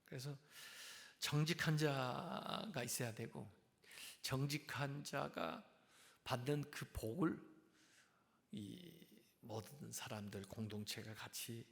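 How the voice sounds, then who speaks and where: A male pastor giving a sermon, calmly explaining scripture verse by verse in a teaching tone. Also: mid-range voice, takes it slowly, vocal fry. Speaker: senior pastor. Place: church sanctuary. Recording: long reverb of a church hall.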